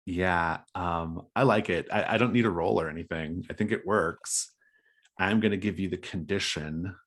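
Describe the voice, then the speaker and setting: Male game master, deep and slightly husky, improvising tabletop narration in a halting, thoughtful flow. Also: a bit bright. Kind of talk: running a tabletop role-playing game.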